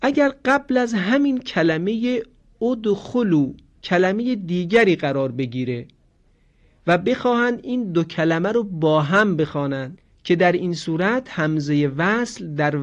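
A man teaching a grammar lesson slowly and clearly, stopping to sound out words as examples. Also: a little high. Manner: slow, explanatory, demonstrates pronunciation. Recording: dull lo-fi recording.

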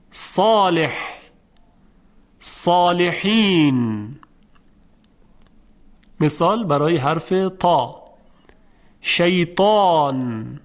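Patient, slightly high-voiced male teacher. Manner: patient, methodical explaining with slow drawn-out example sounds. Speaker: Quran recitation teacher. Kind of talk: instructional lesson.

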